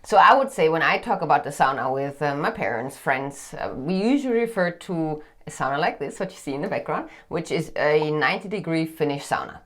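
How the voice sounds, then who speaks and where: Brief: German woman, 30s, low voice, co-host explaining in a home sauna room. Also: lively intonation, fairly quick, hardly any pauses, a bit bright. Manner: explaining with many fillers and restarts. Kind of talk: casual chat.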